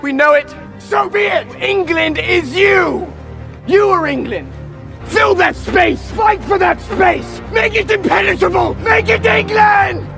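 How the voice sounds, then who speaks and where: A man's voice: extremely high pitch, creaky, a bit bright, exaggerated voice. An actor playing a young English king in a film, roaring a fierce, defiant rallying speech to his army. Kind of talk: film drama battle speech.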